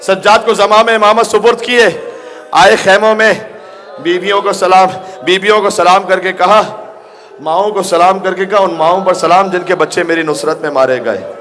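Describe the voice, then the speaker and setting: A high-pitched male cleric delivers an impassioned mourning sermon, his voice swelling toward cries at its peaks. Faint noise from the gathering sits beneath him. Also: fairly even intonation. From Pakistan. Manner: emotional, rising to near shouts.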